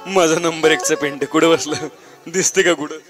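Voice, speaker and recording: A man doing a high, cooing village mother. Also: steady tone, brisk, lightly acted. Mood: doting, teasing. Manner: cooing, coaxing, sing-song calls. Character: boastful doting village mother with oversized grown baby. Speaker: bharud folk performer. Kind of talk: comic folk stage performance. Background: tabla and folk music.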